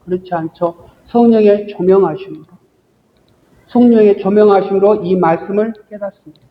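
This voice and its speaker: A male pastor leads a Bible study, asking his listeners emphatic questions and telling illustrative stories. His voice sits high. The recording is dull and rings with long church-hall reverb. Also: fairly even intonation, moderate pace, a little hiss or hum.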